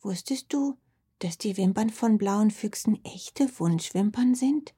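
A woman's voice: medium pitch, expressive, takes it slowly, breathy edge, voice pushed up, heavily acted. A woman voicing a timid little blue fox. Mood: confiding. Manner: soft, hushed and anxious. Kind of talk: children's audio story.

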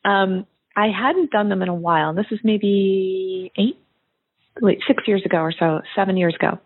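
A woman who works as a private chef, chatting and telling a story in a relaxed, rambling way. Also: medium pitch, normal speed, breathy edge, dry recording. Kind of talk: casual chat, telling a story. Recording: phone-line audio.

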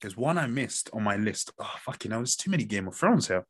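A man with a London roadman accent chatting casually as a podcast host, using lots of slang and swearing as he tells stories in an animated way. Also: lowish voice, fairly quick, husky. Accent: London, urban street slang. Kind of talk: casual banter about TV shows.

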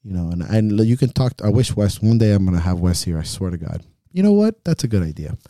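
A man's voice: on the low side, sing-song, fast talker, dark tone, no room sound, studio quality. A man hosting a podcast as a coach, talking in a frank, reflective way and swearing freely. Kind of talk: casual podcast chat.

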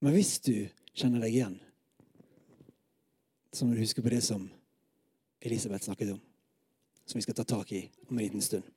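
A preacher giving a sermon who talks straight to the listeners with hesitant fillers, then reads scripture with dramatic, at times loud and pleading intensity. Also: medium pitch, pauses often, husky, dry recording. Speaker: preacher at a worship gathering.

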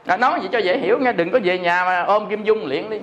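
A man's voice: high voice, fast, highs cut off, heavy background noise. A man preaching a Buddhist sermon, joking, chuckling often and asking his listeners whether they understand. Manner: jokey, laughs often, peppers talk with rhetorical questions.

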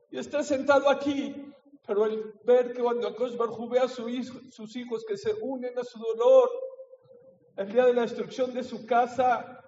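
Impassioned high-voiced rabbi. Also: male voice, a little hiss or hum. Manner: impassioned, swings from soft to loud. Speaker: rabbi teaching a Torah class. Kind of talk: emotional sermon. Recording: echoey hall, dull lo-fi sound.

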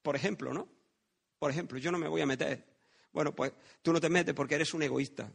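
A man's voice: fairly high pitch, brisk, creaky, husky. A man preaching a sermon in a conversational way, telling parables and asking rhetorical questions.

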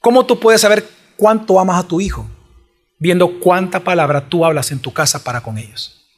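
High-voiced preacher questioning his flock. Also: normal speed. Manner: emphatic, fires rhetorical questions at the congregation. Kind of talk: sermon.

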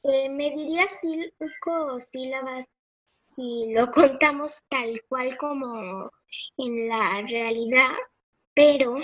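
A woman student answering in an online class, thinking aloud slowly with fillers. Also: high voice. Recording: dull lo-fi call audio.

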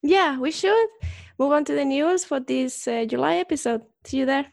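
A woman co-hosting a podcast talks through research in a relaxed, explanatory way. Her voice sits a bit high and carries a gravelly edge. It is recorded dry and close, with no room sound. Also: normal speed, dry recording. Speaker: podcast co-host. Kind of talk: casual podcast chat.

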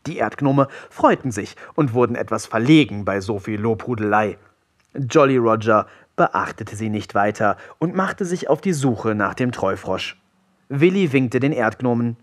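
A man narrating a children's story in an even, measured reading style. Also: medium pitch. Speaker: audiobook narrator.

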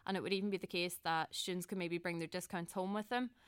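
A woman's voice: lowish voice, fairly even intonation, fast, clear, resonant tone, dry recording. A young woman with a Donegal Irish accent giving earnest, conversational interview answers as a student election candidate, often correcting herself as she goes. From County Donegal, Ireland. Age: young adult.

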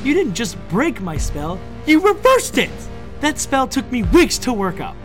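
A man narrating a story voices a sadistic female witch, high and drawn-out with mocking, taunting delivery. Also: very animated, darkish tone, faint music behind. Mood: furious taunting.

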